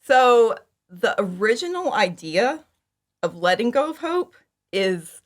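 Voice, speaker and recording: A woman with a slightly high, very animated voice speaks slowly as an interview guest, chatting casually about how her fan audio drama project came about.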